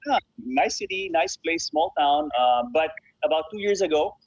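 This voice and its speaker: In this clip the honorary consul and sports association founder sounds animated, his husky voice fairly high-pitched at a normal speed. Guesting on a conversational radio interview, he stresses his points by repeating phrases, and the recording is muffled with no room sound.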